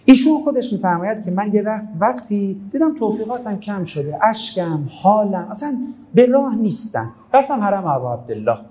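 A man's voice: high-pitched, very animated, warm tone, rough recording. A man giving a religious talk, telling stories in a conversational way and quoting scripture. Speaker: preacher.

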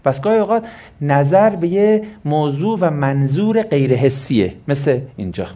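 A man with a slightly higher than usual voice teaching a lesson on Quranic exegesis. He explains step by step and often poses a question before answering it himself. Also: very animated, dark tone.

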